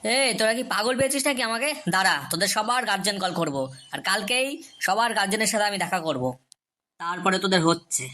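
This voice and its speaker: In a comedy cartoon, an actor plays a cranky, scolding teacher called sir who exasperatedly quizzes and threatens his pupils. He speaks fast in a mid-range voice, pushed and bright, with lively intonation.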